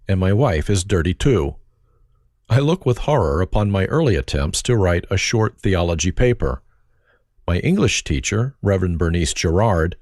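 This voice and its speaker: A man's voice: sits low, a little mellow, no room sound. An older man with a German accent, reading his autobiography aloud in a reflective tone with dry wit. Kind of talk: autobiographical narration.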